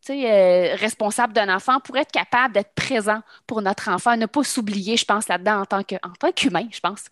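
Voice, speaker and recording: Woman, Québécois French accent, mid pitch, dry close sound, thoughtful, searching for words. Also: brisk, a bit bright, no room sound. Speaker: pediatric dietitian co-host. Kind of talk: casual podcast chat.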